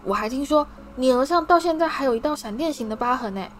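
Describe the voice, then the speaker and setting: A man's voice: very high-pitched, animated, fast talker, a little hiss or hum. A woman voicing an eager, starstruck young schoolboy who gushes and pleads breathlessly.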